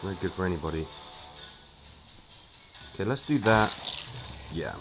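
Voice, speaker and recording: A low-pitched man talks his way through a turn-based game in an easy, chatty let's-play style. He thinks aloud, stumbles over a word now and then, and clear game music plays behind him. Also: lively intonation, measured pace, poor audio. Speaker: gaming streamer. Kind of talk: casual let's-play commentary.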